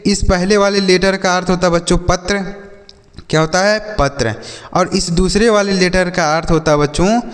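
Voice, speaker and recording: Slow-spelling teacher man, echoing room. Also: high voice, steady tone. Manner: slow letter-by-letter spelling, asks and answers his own questions. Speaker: English teacher. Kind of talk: spelling-and-meaning lesson for children.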